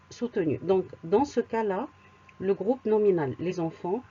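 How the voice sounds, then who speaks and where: A woman teaching a grammar lesson, explaining rules slowly with spoken examples and occasional hesitant fillers. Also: mid-range voice, warm tone, breathy edge, muffled recording. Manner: slow and deliberate, repeats words, hesitant fillers. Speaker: French teacher.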